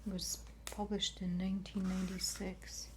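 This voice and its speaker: A woman speaking in a soft, breathy library whisper, quietly and unhurriedly presenting as an ASMR host. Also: medium pitch, little pitch movement, normal speed, a little hiss or hum. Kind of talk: soft-spoken ASMR whisper, library-style book show and tell.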